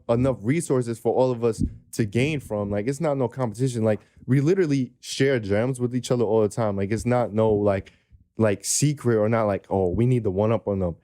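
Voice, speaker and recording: A young man in his twenties hosts a podcast, with a mellow, dark tone. He speaks in a relaxed, sincere way and uses casual slang. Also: mid-range voice. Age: 20s. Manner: relaxed, earnest talk with slang. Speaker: podcast host.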